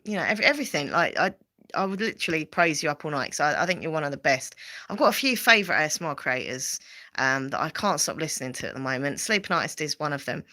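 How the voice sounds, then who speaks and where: Essex woman host, low and bright-toned, rambling casual chat, lots of fillers. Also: animated, fast talker. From Southend, England. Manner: rambling and chatty, with frequent fillers and repeats. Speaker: livestream host.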